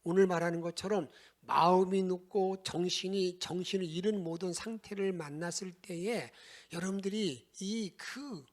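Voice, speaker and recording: A man preaching a Sunday sermon as pastor, animated, moving between loud exclamations and hushed asides. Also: high voice, moderate pace, few pauses. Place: church sanctuary.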